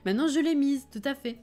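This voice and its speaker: A woman's voice: sits high, mellow. A woman streaming a life-sim game, chatting casually with her viewers, laughing often and reading chat messages aloud. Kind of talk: casual live-stream chat while playing.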